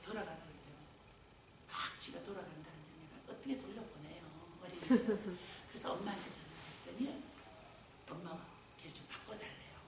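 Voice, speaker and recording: A middle-aged woman who directs a care home tells stories at a faith lecture, lively and often laughing. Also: fairly low pitch, fairly quick. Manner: lively storytelling with frequent laughter. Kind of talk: lecture at a faith talk series. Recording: very echoey hall, distant mic, noise.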